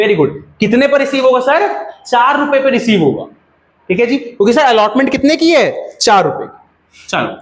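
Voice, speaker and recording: A man with an Indian accent teaching a classroom lecture, asking the class questions and repeating their answers. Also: very high voice. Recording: echoey classroom.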